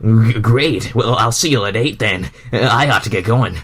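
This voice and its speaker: A man's voice: lowish voice, normal speed, fairly bright tone, slightly rough. A man reading the part of a friendly, laid-back hedgehog hero in fan fiction, casual and slightly stammering. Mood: bashful.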